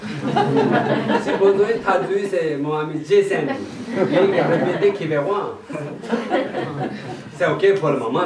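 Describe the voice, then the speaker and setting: A man with a Tibetan accent introducing a chant evening to an audience in halting, laughing French. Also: fairly high pitch, sing-song, a loud crowd. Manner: broken French, slow, laughing often. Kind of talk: halting explanatory talk to an audience. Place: meditation centre hall, indoors. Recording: roomy distant hall mic with faint noise.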